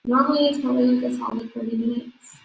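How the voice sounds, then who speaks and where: A woman's voice: a little high, fairly even intonation, fast talker, creaky, recorded from a distance. A teenage woman speaking as a guest, chatty and giggly, with many likes and fillers. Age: late teens. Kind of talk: casual conversation. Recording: roomy room echo.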